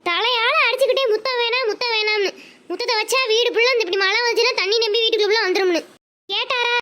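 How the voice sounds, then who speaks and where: High-pitched Madurai Tamil woman, scolding. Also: rapid-fire, bright, forceful tone. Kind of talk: cartoon voice acting, many village characters.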